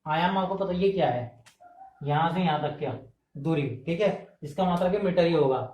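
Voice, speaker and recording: A man with a fairly high voice teaches an exam-prep class, posing questions and answering them himself. He repeats key terms to drill them in. The sound bounces around the room he is filmed in. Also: normal speed, a little mellow. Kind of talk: classroom lecture. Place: indoor room filmed on camera. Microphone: camera mic. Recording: echoey room.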